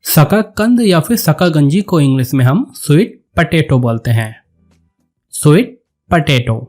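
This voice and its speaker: Male teacher, higher-pitched voice, very slow and deliberate word drills, faint music underneath. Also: lively intonation, a little mellow. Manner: repeats each word slowly and deliberately. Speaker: English teacher. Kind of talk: slow vocabulary lesson.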